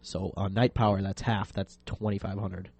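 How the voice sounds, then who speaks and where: Mellow, husky radio co-host. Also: male voice, low-pitched, flat delivery, normal speed, no room sound. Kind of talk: casual radio banter. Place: radio studio.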